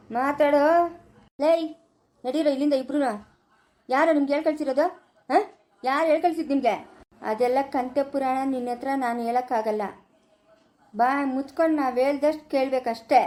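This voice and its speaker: A woman acting as a menacing male village thug who barks gruff, commanding threats in a family skit. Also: high-pitched, fairly even intonation, normal speed, pauses often, mellow, close to an everyday voice, low-quality recording.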